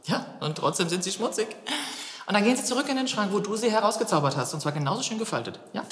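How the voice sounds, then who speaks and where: An actress playing a sarcastic aunt who scolds in a scripted reality TV drama. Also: female voice, mid-range voice, lively intonation, fast, close to an everyday voice. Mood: scolding. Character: teasing, scolding adult aunt. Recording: echoey room.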